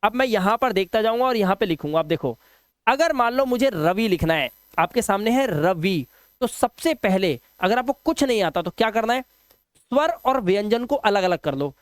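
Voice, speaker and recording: A man's voice: sits high, expressive, normal speed, no echo, studio quality. A man teaching a video lesson, patient and repetitive, often asking the viewers questions. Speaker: English teacher. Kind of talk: classroom-style video lesson.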